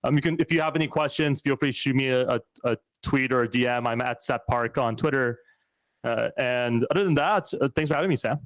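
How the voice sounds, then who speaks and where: A man's voice: mid-range voice, a little fast, dry recording. A man from the United States, a guest on an interview podcast, talking candidly and thoughtfully with plenty of fillers and restarts. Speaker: podcast guest, startup founder. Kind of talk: casual conversational interview.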